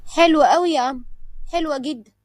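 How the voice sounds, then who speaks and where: A woman's voice: on the high side, steady tone, quick pace, fairly bright tone, dry recording, soft background music, lightly acted. A woman voicing a nervous, evasive young wife with an Egyptian Arabic accent. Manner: nervous, hesitant.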